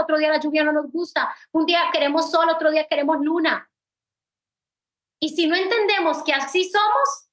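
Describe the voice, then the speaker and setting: A woman's voice: high voice, a bit bright, poor audio. A middle-aged woman giving a mentoring talk, emphatic and repetitive, speaking straight to her listeners. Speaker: mentor in a network-marketing business. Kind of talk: mentoring talk, personal advice.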